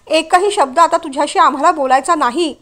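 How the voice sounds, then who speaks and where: A woman's voice: high voice, brisk, a bit bright. A woman voicing an angry, hurt middle-aged mother who reproaches her son. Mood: angry scolding. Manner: scolding, reproachful.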